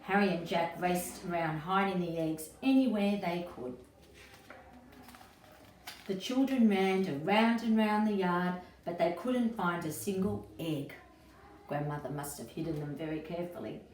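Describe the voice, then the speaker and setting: Unhurried and lowish in pitch, a woman with a darkish tone reads a storybook expressively to children, addressing them as a teacher would and posing questions. The recording has a distant mic, faint noise, and a roomy echo.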